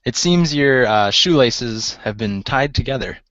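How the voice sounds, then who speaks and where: Chuckling game master with a dry, muffled sound. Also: male voice, medium pitch, animated, a little slow, a bit bright, dry recording. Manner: laughs often, hesitant with fillers. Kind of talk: narrating a tabletop game.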